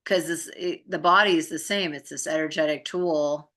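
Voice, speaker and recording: A woman with a low, steady and slightly bright voice talks at a moderate pace as a guest in a casual conversation. She's informal and chatty while explaining energy practices.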